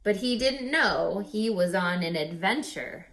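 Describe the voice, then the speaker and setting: Reading a picture book like a teacher, a woman speaks deliberately and instructively, pausing for drama and posing questions to the children listening. She sounds animated, medium-pitched, and fairly bright.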